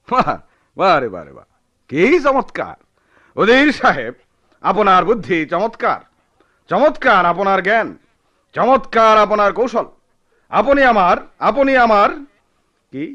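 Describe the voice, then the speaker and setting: Performing a hot-tempered, proud, poor village husband for a Bengali radio drama, this actor uses a rural Bangladeshi accent and a defiant, theatrical style. His high male voice is a bit bright over dull audio. He starts out stunned and muttering, then turns mock-theatrical and frustrated.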